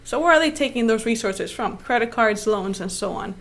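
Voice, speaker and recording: A young adult woman from Honduras, a financial advisor guest in a casual interview, talking in an animated way with frequent laughs and ums. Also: a little high, brisk, slight background noise. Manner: animated, laughs easily, fillers like um.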